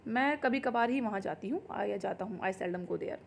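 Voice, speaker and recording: A woman teacher, explaining grammar in Hindi and reading example sentences slowly and carefully. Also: medium pitch, vocal fry, a little hiss or hum. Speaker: English teacher. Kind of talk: exam-prep grammar lesson.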